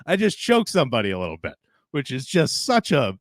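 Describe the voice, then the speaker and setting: A man's voice: medium pitch, wildly swooping pitch, brisk, no echo, studio quality. A man co-hosting a casual wrestling podcast, retelling a story and laughing often. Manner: recounts stories, laughing often. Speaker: podcast co-host.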